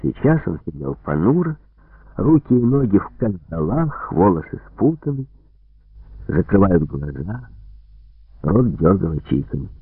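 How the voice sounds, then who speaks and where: Male storyteller: low, lively expressive reading, husky, tinny radio audio. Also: measured pace, long pauses, no echo. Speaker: narrator. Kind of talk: audiobook reading with character voices.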